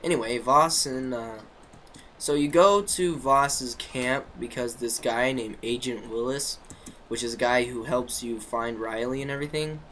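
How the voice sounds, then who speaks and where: A man's voice: mid-range voice, a little slow, a bit bright, slight background noise, poor audio. A man casually recapping a video game's story, rambling with lots of fillers, restarts and slangy jokes. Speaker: gaming video creator.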